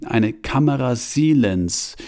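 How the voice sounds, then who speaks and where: A man's voice: medium pitch, animated, slow, darkish tone, pitched above the performer's own voice. A man doing a gleeful torture museum guide. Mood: relishing. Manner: cheerful, lecturing, relishing detail. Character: jovial sadistic male torture museum guide. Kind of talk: audiobook reading.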